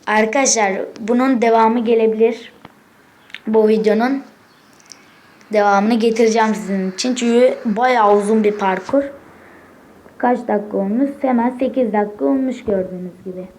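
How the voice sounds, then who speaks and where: A woman hosting a gaming channel, chatting casually to viewers from a room at home, excitable and swearing as she gets frustrated. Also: fairly high pitch, moderate pace, slight background noise. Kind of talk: casual gameplay commentary.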